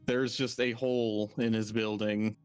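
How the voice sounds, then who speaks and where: A man's voice: on the low side, level tone, a little slow, faint music behind. Chatty male tabletop player. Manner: chatty, explains rules, swears casually. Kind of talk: casual tabletop role-play.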